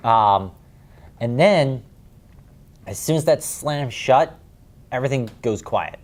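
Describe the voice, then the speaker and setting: Male game master, tabletop narration, rambling, lots of fillers, mid pitch. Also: lively intonation, slow. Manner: rambling descriptions with many fillers.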